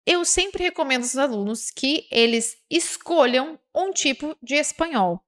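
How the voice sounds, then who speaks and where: A Brazilian woman teaching a language lesson, reading example sentences slowly and breaking into lively, chatty explanations. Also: high-pitched. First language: Portuguese. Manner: slow, drawn-out example words with lively asides. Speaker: Spanish teacher.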